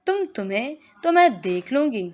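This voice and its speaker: A young woman who sulks and reproaches her boyfriend, as a storyteller puts her on. The high, clear voice of the reader stays close to her own, reading the lines in storybook fashion. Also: sing-song, darkish tone. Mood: sulky, shy. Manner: sulky and reproachful. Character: young woman, sulky, quick to tears.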